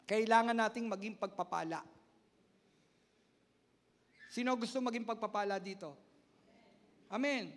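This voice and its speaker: A man preaching a sermon as pastor, emphatic and repetitive, swinging between loud and soft. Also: sits high, creaky. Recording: long hall reverb.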